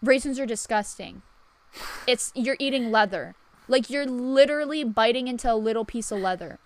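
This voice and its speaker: A woman's voice: on the high side, normal speed, dry recording. A young woman co-hosting a podcast, teasing her friend with mock outrage and sarcasm. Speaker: podcast co-host. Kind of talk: casual chat.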